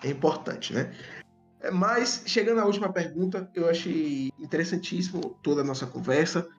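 A man's voice: on the high side, normal speed. A man hosting a casual podcast with a tongue-tied, slushy lisp, stumbling over and repeating words in a self-deprecating way. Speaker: podcast host. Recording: dull lo-fi audio, background music.

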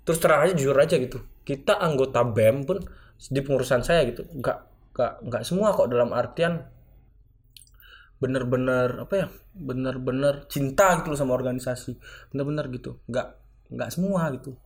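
A man's voice: medium pitch, a little fast. A young man, a student organization leader, answering interview questions in a rambling way, full of filler tags. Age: young adult.

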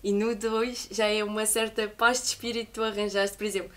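A woman's voice: mid-range voice, flat delivery, a little fast, a bit bright. A woman interviewer chats casually about music, thinking aloud in slangy, agreeable phrases full of filler words.

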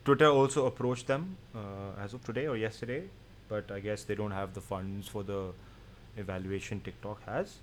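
A man co-hosting a casual tech podcast, chiming in with quick, wry quips. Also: lowish voice, steady tone, a little hiss or hum. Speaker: podcast co-host.

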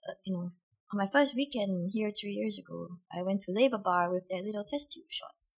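A woman, a guest on a podcast, chatting in an animated way with frequent exclamations. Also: mid-range voice, brisk, husky. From Singapore. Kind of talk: casual interview chat.

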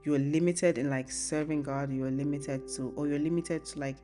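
A young woman hosting a casual faith podcast, chatting informally and thinking aloud in a relaxed, rambling way. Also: low-pitched, moderate pace. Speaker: podcast host. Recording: soft guitar music behind the voice. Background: acoustic guitar music.

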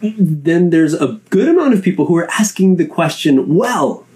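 A man hosting a solo chat show, rambling and casual, repeating words as he goes and swinging his pitch up and down. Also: very animated, normal speed, dark tone. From Canada. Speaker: podcast host.

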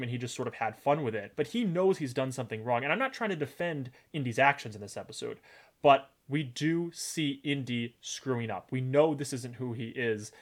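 A man co-hosting a podcast, chatting casually about a TV episode, laughing often and acting out lines from scenes. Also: mid-range voice. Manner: animated, laughs often, quotes scenes in character. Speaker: podcast co-host.

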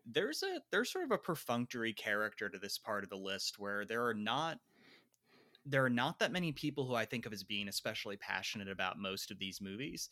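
A man's voice: on the low side, sing-song, brisk, bright, forceful tone, dry recording, studio quality. A man with a slight New Jersey accent, co-hosting a podcast and talking through his view of a film, hedging and repeating words as he thinks. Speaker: podcast co-host. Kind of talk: casual film discussion.

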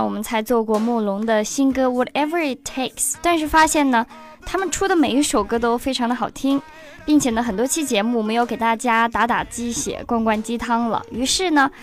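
A woman presenting an English lesson built on song lyrics, reading the English lines slowly and explaining them in Chinese. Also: fairly high pitch. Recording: faint music underneath.

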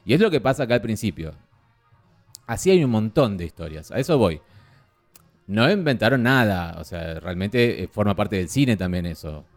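A man co-hosting a casual film-review podcast, chatty and lively. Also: lowish voice, moderate pace, soft background music. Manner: lively, chatty, mimics voices mockingly. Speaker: podcast co-host.

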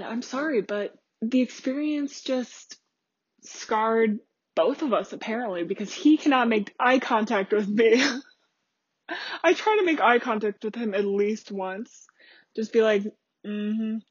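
A woman's voice: on the high side, lively intonation, slow pace, pauses often, slightly rough, no echo. A young adult woman hosting a podcast, telling a casual story in a chatty, rambling way with lots of fillers and restarts. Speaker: podcast host. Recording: dull lo-fi dry recording.

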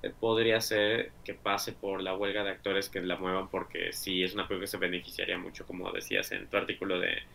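A man's voice: sits low, creaky, bright, forceful tone, slight background noise. A man with a Mexican accent co-hosting a podcast, chatting casually about films with lots of fillers. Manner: chatty, hedging with fillers, quick to laugh. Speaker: podcast co-host. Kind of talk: casual film chat.

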